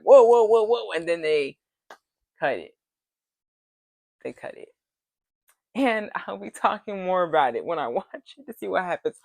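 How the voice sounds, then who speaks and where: Chatty woman with a lowish voice. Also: fairly bright tone, dry recording. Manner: chatty retelling, full of "like" and quoted dialogue. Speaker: reality show recap vlogger. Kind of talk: casual recap vlog.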